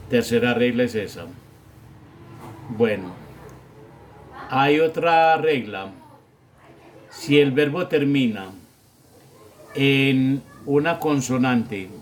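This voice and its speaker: Slow, patient man teaching grammar. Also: mid-range voice, slight background noise. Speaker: English teacher. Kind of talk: classroom grammar lesson.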